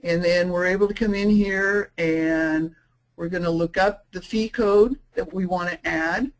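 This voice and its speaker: A woman presenting a software webinar, explaining features casually with frequent fillers and restarts. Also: lowish voice, poor audio. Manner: says she is talking too fast. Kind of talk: screen-share product demo.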